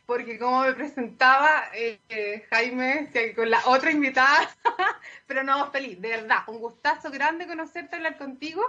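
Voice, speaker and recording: A woman's voice: sits high, moderate pace, pushed and bright, lo-fi sound. A woman, a marketing manager, giving fluent corporate answers in a radio interview.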